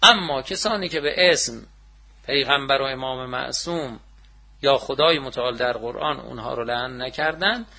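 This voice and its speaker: A man preaching a casual, conversational religious lecture. He asks his listeners rhetorical questions and swings between loud emphasis and hushed, almost muttered asides. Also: mid-range voice, gravelly. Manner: writes books, speaks with authority.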